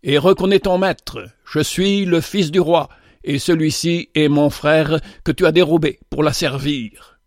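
A man reading a calm, mighty young savior. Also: a little high, a little slow, dry recording, studio quality, lightly acted. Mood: commanding. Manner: gentle yet commanding. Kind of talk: dramatic audiobook reading.

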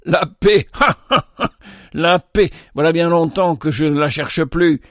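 A man's voice: fairly high pitch, fairly even intonation, normal speed, no echo, studio quality, pitched above the performer's own voice, lightly acted. A man voicing a cursed, tormented old male vagabond in a read-aloud story, with anguished, declamatory outbursts. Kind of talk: storybook reading.

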